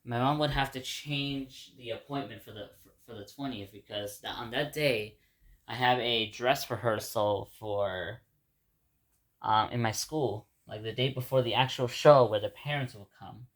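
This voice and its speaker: A vlogger from Ecuador, whose mother tongue is Spanish, chats to viewers about his day in a rambling video diary. His middle-pitched male voice is a little slow and a bit bright, and he tends to restart sentences and repeat himself.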